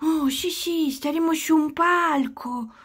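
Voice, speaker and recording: A woman doing a chatty young girl doll with a high voice, rambling and flustered. She trips over her words and can't hold anything in. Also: slow pace, fairly bright tone. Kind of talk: doll play-acting.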